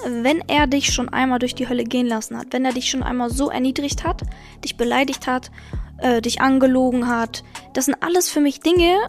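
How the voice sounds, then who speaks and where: A young woman hosting a podcast, candidly telling a personal story and giving blunt advice straight to her listeners. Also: high-pitched. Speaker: podcast host.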